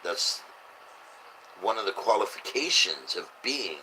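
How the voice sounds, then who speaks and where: A man's voice: lowish voice, very animated, a little slow, bright, forceful tone, a little hiss or hum, low-quality recording. A man who sounds drunk, rambling through casual, blunt, sweary commentary as he reads out headlines. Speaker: host reading and reacting to news.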